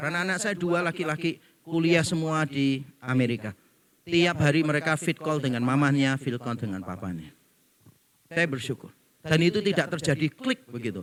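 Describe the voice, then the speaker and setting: A man's voice: a little high, fairly bright tone. A middle-aged male pastor, preaching a humorous sermon and acting out the people he quotes. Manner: joking storyteller, acts out quoted people.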